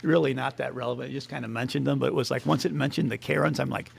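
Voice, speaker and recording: A man's voice: mid-range voice, steady tone, rapid-fire, vocal fry, slight background noise. A man co-hosting a podcast in casual chat, rambling, laughing often and trailing off mid-sentence. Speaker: podcast co-host.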